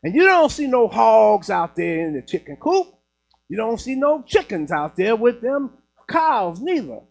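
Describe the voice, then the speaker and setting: A stern old Southern grandmother, as a preacher puts her on, her voice pitched way up and a touch slurred. She scolds in a homespun, folksy way, loud and pointed. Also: sing-song, a little slow, gravelly, heavily acted. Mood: scolding. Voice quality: slightly slurred from snuff.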